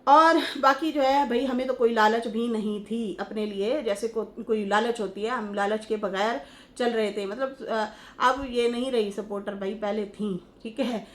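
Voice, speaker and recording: A woman's voice: fairly high pitch, steady tone, unhurried. A woman giving chatty, scolding reaction commentary as a YouTube host, breaking into mocking impressions.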